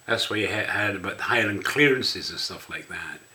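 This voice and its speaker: Casting: older Scottish male host, smoker's rasp, low bright voice, rambling informal walk-through. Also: lively intonation, normal speed. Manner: rambling, conversational. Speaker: website host. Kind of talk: casual spoken walk-through of a website.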